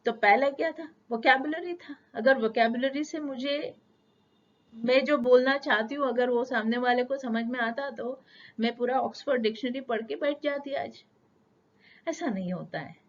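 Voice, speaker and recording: A middle-aged woman teaching spoken English, explaining patiently with everyday examples and slowing down on English sentences. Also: high-pitched, fairly even intonation. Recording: dull lo-fi sound.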